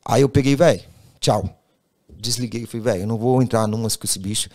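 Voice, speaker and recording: Guy on a podcast, rattles off his story quick, keeps acting out what everyone said. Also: mid-range voice. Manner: animated, acts out quoted dialogue, says "velho" constantly. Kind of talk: casual storytelling.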